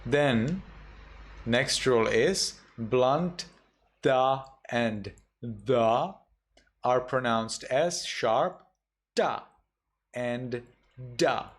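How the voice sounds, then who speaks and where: Monk teacher, male, unhurried, mid-pitched, patient drills of each word. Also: expressive. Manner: slow, patient, repeats example words carefully. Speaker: Buddhist monk teaching a class. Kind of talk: online class instruction.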